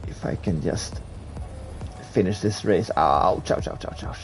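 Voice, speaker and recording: A Swedish man, speaking English as a second language, races on a live stream while chatting casually, reading viewer comments aloud and laughing at himself. His deep voice is unhurried and creaky, with soft music playing in the background.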